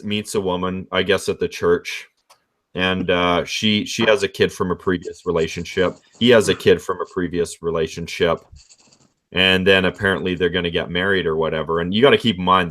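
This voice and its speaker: A man's voice: low-pitched, a bit bright. A man telling a story in a casual, rambling, frank conversational way.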